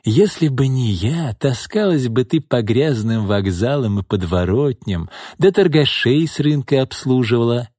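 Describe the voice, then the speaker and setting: A smug, mocking thug from an audiobook, voiced by a male reader, sneering and then dropping to low, husky threats. The voice is close and dry. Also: lively intonation, a little slow, hardly any pauses, mellow, no room sound. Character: menacing smug middle-aged pimp and thug.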